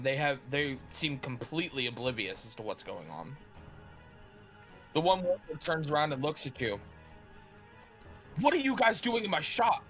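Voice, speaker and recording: A man's voice: medium pitch, fairly bright tone. A man narrating a tabletop game as game master in a casual, matter-of-fact way.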